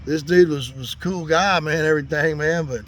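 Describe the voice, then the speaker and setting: A man's voice: on the high side, moderate pace, fairly bright tone. A middle-aged man telling a rambling, earnest story, full of "man" and "you know". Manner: folksy and earnest, talks about faith. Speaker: host. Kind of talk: casual storytelling monologue.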